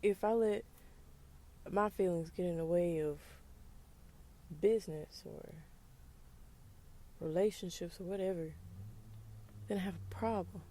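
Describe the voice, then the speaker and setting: Mellow-voiced Southern US woman. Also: on the low side, unhurried, long pauses. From United States. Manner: frank and emphatic, with frequent conversational asides. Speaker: vlogger. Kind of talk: casual to-camera monologue.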